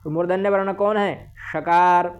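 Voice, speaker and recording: Male teacher, online grammar lesson, methodical, drills examples slowly, answers his own questions. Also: high-pitched, steady tone, clean tone, lo-fi sound. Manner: explains step by step, asks and answers own questions; says examples slowly and repeats them.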